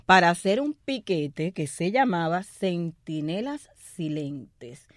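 A woman from Cuba, telling a history story in a lively, conversational talk-show way, often turning to the listeners with asides. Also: on the low side, takes it slowly, dry recording, clean studio sound.

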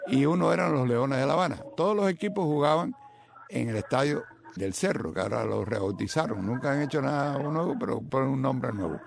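An older Cuban man with a deeply gravelly, creaky voice tells long, rambling stories in a relaxed chat. His pitch sits in an ordinary middle range, and he drifts from one aside to the next. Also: fairly quick, crowd noise. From Cuba. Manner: rambling storyteller with many asides. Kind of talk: casual chat.

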